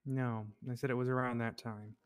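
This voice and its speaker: A woman speaking through a voice changer that shifts her voice down to a deep pitch, answering questions in character with a cool, evasive, slightly taunting manner. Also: little pitch movement, normal speed, clean tone, soft background music. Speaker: suspect being questioned in roleplay. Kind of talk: in-character roleplay dialogue.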